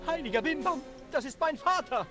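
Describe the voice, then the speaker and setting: An earnest young inventor. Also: male voice, extremely high pitch, animated, over music. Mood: urgent. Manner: explains science in rapid technical jargon. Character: young male inventor, earnest and long-winded. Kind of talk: dubbed video game dialogue.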